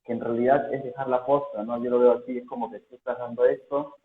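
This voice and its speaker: A male host talks casually and affirmingly at a middle pitch, often closing his thoughts with a questioning tag. His voice comes through a thin, phone-like line that sounds roomy and echoey, with faint background noise. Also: little pitch movement, quick pace. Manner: affirming, ends phrases with "¿no?". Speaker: interview host. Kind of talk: casual spiritual conversation. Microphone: video call.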